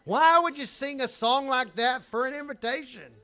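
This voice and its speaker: A man with a high voice preaches a sermon as a pastor. He talks in a loose, conversational way and tells stories. He slips in sarcastic humor. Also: normal speed, sharp tone, some chatter behind.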